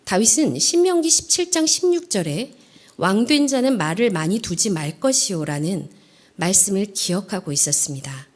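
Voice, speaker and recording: A woman delivers an earnest dawn prayer sermon, her pitch swinging widely as she rises on key words and then sinks to soft, almost whispered phrase endings. She speaks as an evangelist addressing her congregation. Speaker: evangelist preaching.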